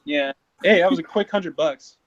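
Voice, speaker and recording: A man in his thirties chats casually and in a relaxed way, stumbling over words and restarting. He talks at normal speed but speeds up when excited, and his voice sits a little high. The recording sounds dull and lo-fi.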